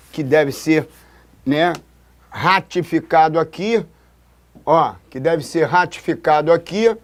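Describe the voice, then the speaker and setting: High-voiced man teaching at a board. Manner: demonstrative, keeps pointing with "look". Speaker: writing teacher. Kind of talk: classroom-style lesson at a board.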